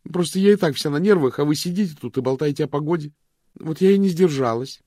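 A man voicing a highly strung woman who speaks in a shrill, bitter, sarcastic way. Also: sing-song, fairly quick, vocal fry, slightly rough, dry recording, studio quality, heavily acted.

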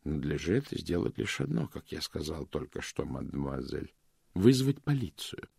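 A shrewd middle-aged detective, voiced by a male audiobook reader, speaking in a calm, measured, soft way. The voice is deep and gravelly with a lively melody. The recording is close and dry. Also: dry recording, heavily acted. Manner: calm, measured, softly spoken. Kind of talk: audiobook reading.

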